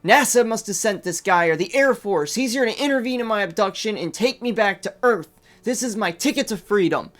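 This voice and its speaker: A man's voice: high-pitched, animated, fairly quick, few pauses, a bit bright. A man voicing a frightened young man in his own retelling, pleading and rambling urgently. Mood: hopeful. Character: frightened young man trapped and begging for rescue.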